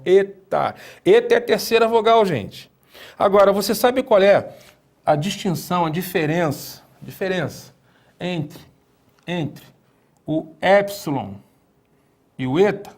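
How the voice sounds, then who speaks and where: A male teacher in a recorded lesson, his voice sitting a little above the usual. He speaks in an unhurried, deliberate rhythm. He repeats key words again and again so the listener can follow along. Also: on the high side. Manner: slow, repetitive, drills words aloud. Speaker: Greek teacher. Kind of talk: classroom-style video lesson. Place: room with a whiteboard.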